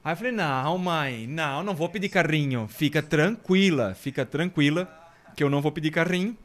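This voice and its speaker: Lively storytelling priest. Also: male voice, on the high side, a little fast. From Brazil. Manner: lively anecdotes, mimics voices and laughs often. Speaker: priest guest telling a childhood story. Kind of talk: casual podcast chat, animated storytelling.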